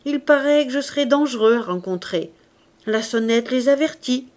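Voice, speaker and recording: A woman reading aloud, voicing an old male gardener in a raised, lively, exclaiming voice. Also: sits high, moderate pace, voice pushed up. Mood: eager. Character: spry old male gardener, eager and devoted.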